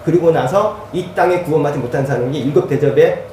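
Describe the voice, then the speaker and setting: A man's voice: a little high, brisk, a little mellow, roomy sound, recorded from a distance, a little hiss or hum, rough recording. A man preaching as a pastor, giving a teaching sermon. He goes through a chart step by step.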